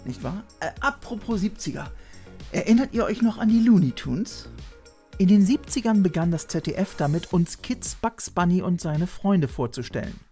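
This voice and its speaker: A man with a voice on the high side and a darkish tone hosts a retro video show from a room full of collectibles. He jokes at his own expense and reads out his facts casually, speaking into a studio mic on an arm.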